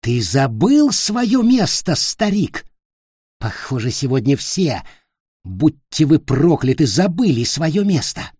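A man voicing a cruel, arrogant tall boy lord in an audiobook, shouting and hissing in fury. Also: mid-range voice, big pitch swings, takes it slowly, breathy edge, no echo, clean studio sound, heavily acted. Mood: raging. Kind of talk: audiobook character voice.

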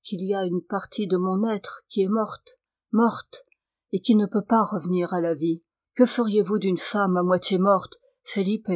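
A woman's voice: mid-range voice, normal speed, a little mellow, lightly acted. A woman reading a grieving young widow. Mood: solemn.

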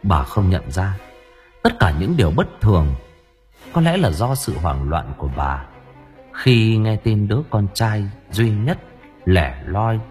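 A man narrating an audiobook in an expressive, dramatic storytelling manner. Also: fairly low pitch, unhurried, faint music behind.

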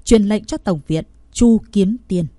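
A woman's voice: fairly low pitch, expressive, moderate pace, mellow, no room sound. A woman voicing a stern male head of a cultivation academy who speaks curtly, read from a storybook. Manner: curt and stern.

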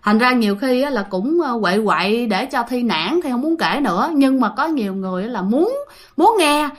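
Lady telling ghost stories, kinda high voice, chatty, lots of fillers. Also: animated, moderate pace. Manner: chatty, addresses listeners directly, many fillers. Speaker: ghost story narrator. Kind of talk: casual storytelling.

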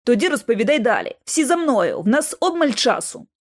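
A woman reading an audiobook, voicing a cool, commanding young man who leads a small agency, speaking calm and measured. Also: fairly high pitch. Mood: businesslike. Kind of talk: audiobook character voice.

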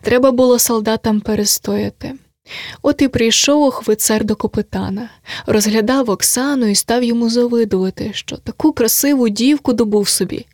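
A woman narrating a classic story as an audiobook, measured and often hushed to a near whisper. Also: a little high, dry recording, clean studio sound.

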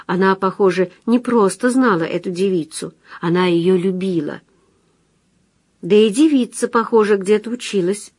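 Woman reading an audiobook, calm and even, dry close mic. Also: mid-range voice, no room sound. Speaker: audiobook narrator. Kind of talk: scripted literary narration.

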